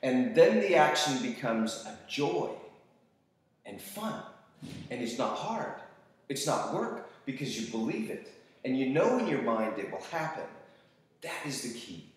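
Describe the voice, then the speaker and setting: A man's voice: mid-range voice, unhurried. A man teaching students, giving a casual, enthusiastic motivational talk about fitness and acting out voices as he goes. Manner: enthusiastic, animated, acts out voices when quoting. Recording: very echoey room.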